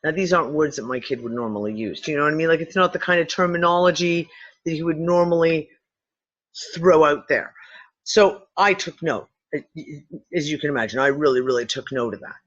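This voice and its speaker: A host chatting casually on a livestream, rambling and swearing as she tells animated stories. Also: deep voice, a little fast, lo-fi sound. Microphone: computer mic on a video call.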